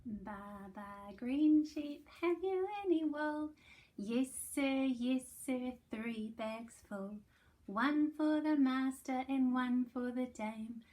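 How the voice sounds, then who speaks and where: Woman librarian, gentle picture-book reader; high, mellow tone, unhurried. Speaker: children's librarian. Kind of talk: reading a picture book aloud.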